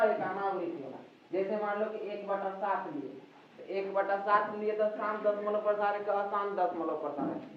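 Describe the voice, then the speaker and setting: A man teaches maths to pupils, walking through each step and pausing to check they follow. His voice sits high and comes from some way off the mic. The room is very echoey, and the sound is dull with a faint hiss. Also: far from the mic. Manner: explains step by step, often checks in with "ठीक है". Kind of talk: classroom lesson at a board.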